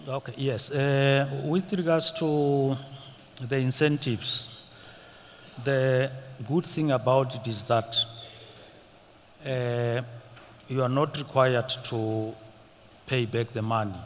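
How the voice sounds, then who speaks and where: A man on a conference panel, explaining funding steps in a steady, methodical way. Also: medium pitch, takes it slowly, pauses often. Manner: steady, methodical, lists points in order. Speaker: government incentives manager on a panel. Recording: echoey conference hall, faint noise.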